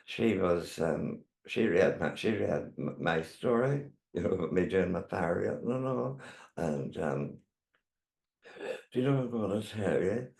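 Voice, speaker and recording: An older Northern Irish man with a deep, slightly mellow voice, lively intonation and vocal fry reminisces unhurriedly as an interview guest. A drag performer, he rambles chattily through his stories, repeating tags, in an echoey room.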